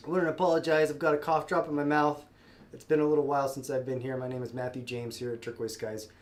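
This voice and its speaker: Talking fast in a mid-range, level voice, a congested man hosts a live-stream sale with slight background noise. His chat is casual, friendly, and meandering, with lots of fillers and restarts.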